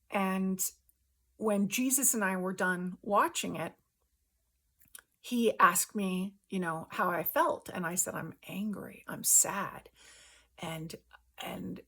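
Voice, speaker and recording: A woman host gives an earnest spiritual testimony in casual language, speaking emphatically in short phrases separated by halting pauses. Her voice is mid-range and a bit bright.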